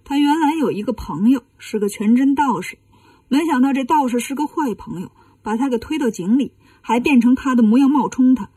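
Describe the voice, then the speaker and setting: A woman's voice: sits high, animated, a little fast, mellow, breathy edge, dry recording, recorded from a distance. A woman voicing a clever, cheeky male monkey king in a children's story, teasing and playful.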